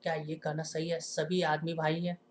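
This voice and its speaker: A man's voice: on the high side, completely flat delivery, a little hiss or hum. Male teacher explaining step by step. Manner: asks rhetorical questions and answers them himself; slow, stressed repetition of example sentences. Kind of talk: classroom-style lesson explanation.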